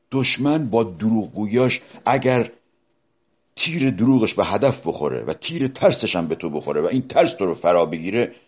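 Husky preacher man with dramatic swings. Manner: dramatic swings between loud exclamations and hushed low asides; addresses listeners directly with rhetorical questions. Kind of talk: sermon.

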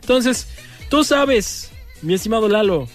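Mexican radio comedy host, playful, laughs at his own jokes, slow, lively pitch; light music behind. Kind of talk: joke-telling radio segment.

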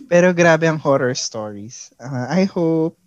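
A podcast co-host who is a counselor, chatting casually and warmly wrapping up the episode. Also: medium pitch, animated, slow, no echo, muffled recording. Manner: encouraging, wraps up the show. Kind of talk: casual chat.

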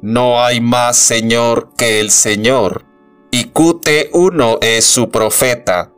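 A man voicing a booming metallic robot prophet. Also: fairly bright tone, smooth, faint music behind. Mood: solemn. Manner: slow, measured, preaching delivery. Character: solemn male robot prophet, calm and unbending. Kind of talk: audiobook narration.

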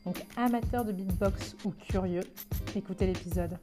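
A woman's voice: mid-range voice, normal speed, music in the background. A woman hosting a podcast, reading an upbeat intro and then chatting with frequent hesitations. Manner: clear, upbeat read intro, then chatty with many fillers. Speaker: podcast host. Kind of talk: podcast interview with scripted intro.

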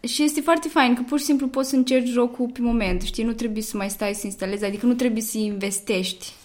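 A woman's voice: fairly high pitch, steady tone. Chatty young woman, hesitant. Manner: hesitant, many fillers, frequent laughs. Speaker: podcast co-host. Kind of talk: casual chat.

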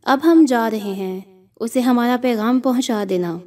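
A woman's voice: on the high side, a little mellow, natural voice. A woman voicing a threatening spirit that speaks through a possessed girl in an audio horror story. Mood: menacing. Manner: threatening, contemptuous.

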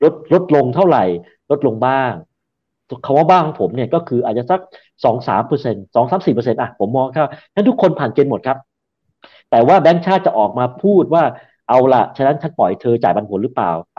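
A man giving confident, emphatic expert answers as a securities analyst guest, mixing in English finance terms. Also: medium pitch. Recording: slightly dull lo-fi sound.

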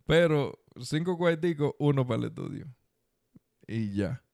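Smooth-voiced Dominican man chatting casually. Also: on the high side, animated, unhurried, darkish tone, no echo, clean studio sound. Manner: colloquial slang, repeats phrases for emphasis. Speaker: podcast co-host. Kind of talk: casual conversational chat with advice to listeners.

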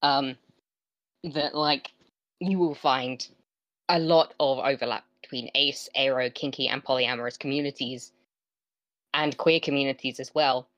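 A woman's voice: extremely low pitch, fairly even intonation, measured pace, long pauses, a bit bright, no room sound, highs cut off. A woman with a West Country English accent, chatting casually as a podcast co-host in an informal, emphatic way. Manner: informal, emphatic, peppers talk with "like". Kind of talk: casual chat.

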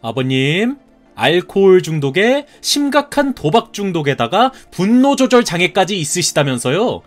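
A man's voice: high voice, sing-song, normal speed, faint music behind. A man in his thirties voicing a polite but stubborn young groom-to-be who answers back in a cartoon story. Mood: defiant. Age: 30s. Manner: polite, defiant retorts.

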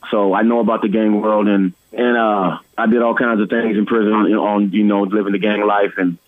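A man's voice: on the low side, no room sound. A man in his fifties from Des Moines, calling in from home as a guest, talking casually and circling back with "you know what I'm saying". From Des Moines, Iowa. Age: 50s. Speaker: phone-in guest. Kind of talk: casual conversation. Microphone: telephone. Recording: tinny phone line.

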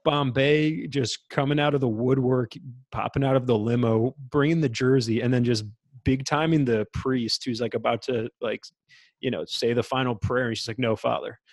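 A man's voice: steady tone, normal speed, dry recording. A young man co-hosting a podcast, chatting casually and with enthusiasm about a movie, acting out lines from it. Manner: enthusiastic, acts out quotes in high voices. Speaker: podcast co-host.

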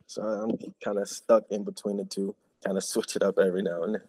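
A young college football player from the Chicago area chats as a guest in a casual interview, relaxed and laid-back, his words trailing off softly. His voice is fairly low and a little fast, with no room sound.

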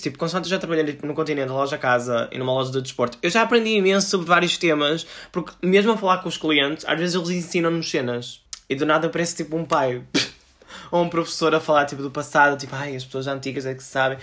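A man in his twenties with a European Portuguese accent, hosting a solo podcast and telling shop stories in a sassy, animated way. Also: on the high side. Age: 20s. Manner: sassy, animated storytelling with playful asides. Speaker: podcast host; retail shop worker. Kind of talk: casual solo podcast monologue.

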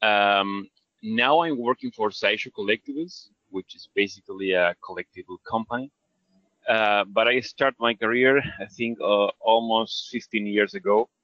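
An Argentine 3D character artist, a native Spanish speaker with an Argentine accent, tells stories casually as an interview guest, hesitant, self-effacing and often searching for words. His fairly low voice has a sharp tone at normal speed, and the recording is muffled with no echo.

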